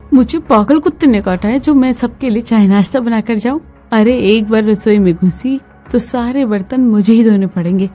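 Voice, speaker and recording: A woman voicing a fed-up young daughter-in-law in a family skit, sharp-tongued and indignant. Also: a little high, normal speed, soft background music, lightly acted. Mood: scornful.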